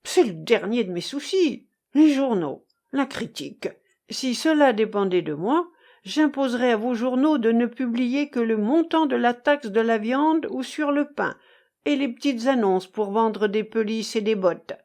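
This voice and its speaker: A woman's voice: a little high, expressive, a little slow, darkish tone. A woman reading the part of an irascible old Russian general in an audiobook, speaking in a heated, scornful way.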